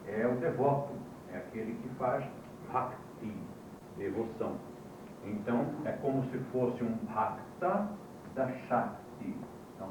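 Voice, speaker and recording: A man with a Brazilian Portuguese accent teaching a class, slowly spelling out terms, heard from an old VHS tape recording. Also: medium pitch. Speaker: yoga teacher. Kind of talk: classroom lecture. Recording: hissy old VHS tape, echoey room, far mic.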